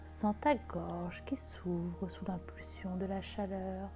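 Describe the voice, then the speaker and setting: A woman guiding a relaxation meditation in a soft, hushed, intimate voice, as if speaking right in your ear. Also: lowish voice, flat delivery, slow pace. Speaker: sophrology guide. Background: music.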